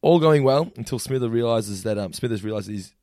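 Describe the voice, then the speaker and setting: A man in his twenties co-hosting a podcast, briskly running through an episode review with a teasing edge. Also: mid-range voice, lively intonation, mellow, no room sound, studio quality. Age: 20s. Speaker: podcast co-host. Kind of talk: casual chat and episode review.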